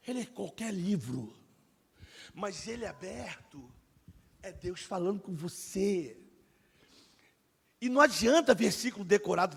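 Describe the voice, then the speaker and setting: A middle-aged man preaching a sermon and telling his own testimony, swinging between loud and hushed like a dramatic storyteller. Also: sits high, vocal fry, husky. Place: church sanctuary. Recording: long hall reverb.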